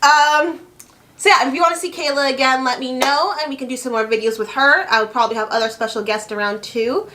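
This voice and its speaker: A woman's voice: high voice, fast talker, bright, forceful tone, slight background noise. A young woman from Canada hosting a food vlog, chatting casually and joking with a friend. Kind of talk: casual chat.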